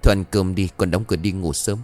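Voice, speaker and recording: Vai người chồng quê cộc cằn, hay càu nhàu, giọng trầm do người dẫn truyện đọc. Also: male voice, low-pitched, steady tone, fast, dark tone, faint music behind, natural voice. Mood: grumbling. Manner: curt, grumbling. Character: gruff stubborn village husband.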